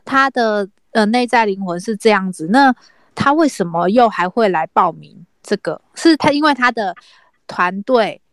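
A woman's voice: mid-range voice, expressive, normal speed, no echo. Curious woman listener in a chat. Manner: curious, asking follow-up questions. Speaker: listener in online chat room. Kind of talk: casual chat.

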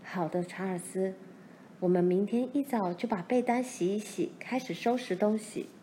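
A woman reading a soft-spoken pioneer mother. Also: mid-range voice, moderate pace, slight background noise, lightly acted. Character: gentle pioneer mother, middle-aged.

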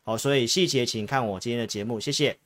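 A man's voice: medium pitch, fast, a bit bright, dry recording. Taiwanese man giving emphatic stock market commentary. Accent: Taiwanese Mandarin. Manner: emphatic, repetitive, addresses viewers directly. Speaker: investment advisory show host, analyst.

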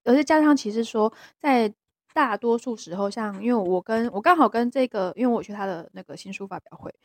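A woman with a Taiwanese Mandarin accent, co-hosting a podcast in casual chat, talking hesitantly with many restarts and a soft voice that trails off. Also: on the high side, brisk, no echo, clean studio sound. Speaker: podcast co-host.

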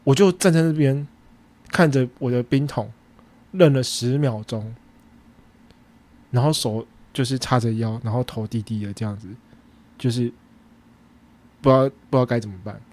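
A man with a Taiwanese Mandarin accent, hosting a podcast and casually retelling a story, acting out bits of dialogue with sudden jumps in pitch. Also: normal speed, pauses often, a little mellow. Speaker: podcast host and food truck owner.

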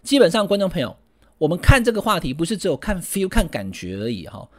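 A man's voice: sits high, huge pitch swings, fast talker. A middle-aged man with a Taiwanese Mandarin accent giving political commentary, emphatic and full of rhetorical questions.

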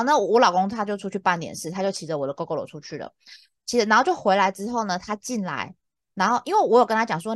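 活泼激动的台湾女主持人. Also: female voice, dry recording, clean studio sound. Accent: Taiwanese Mandarin. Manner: exasperated, lively, laughs often, big pitch jumps. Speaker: podcast co-host. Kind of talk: casual chat, animated storytelling.

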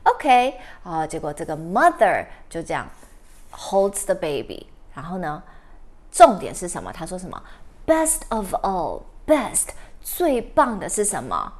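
A woman teacher telling a story to children, animated and drawing out her words while asking the listeners questions. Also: lowish voice, measured pace.

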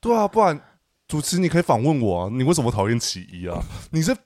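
A man with a Taiwanese Mandarin accent chats casually as a podcast co-host, teasing and complaining at a quick pace. His darkish voice swoops wildly in pitch, climbing high when he jokes, and the sound is dry and close with no room sound.

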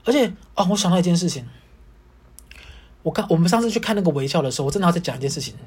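A young woman hosting a casual solo podcast, ranting in an animated, self-mocking way. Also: fairly low pitch, rapid-fire, husky. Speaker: podcast host.

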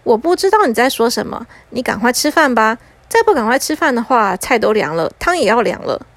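A woman's voice: a little high, very animated, fairly quick, no echo. A woman voicing a playful male magician who teases a child with mock innocence. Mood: teasing.

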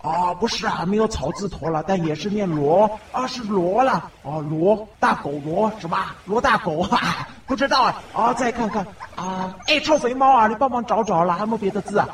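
A man's voice: high-pitched, normal speed, few pauses, a bit bright. A man with a Taiwanese Mandarin accent voicing a playful, bossy animal character who calls out orders. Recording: distant voice with clear noise.

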